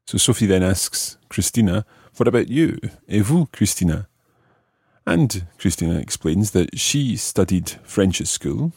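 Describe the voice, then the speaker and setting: A man teaches a language lesson deliberately and expressively, alternating between explanations and French examples. His voice is low, clear and mellow, and the recording is dry and close.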